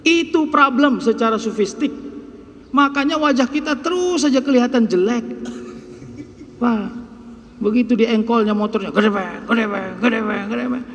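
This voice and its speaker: High-voiced preacher in an echoing mosque. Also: male voice, moderate pace, long pauses, a bit bright. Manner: storytelling, acts out students and worshippers in dialogue; teasing, colloquial asides to the congregation. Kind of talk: dawn mosque sermon. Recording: long reverb of a mosque hall.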